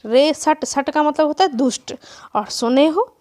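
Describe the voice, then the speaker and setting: A woman teacher who chants lines of verse in a slow rhythm and then explains them line by line to students. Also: sits high, a little mellow. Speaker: Hindi teacher.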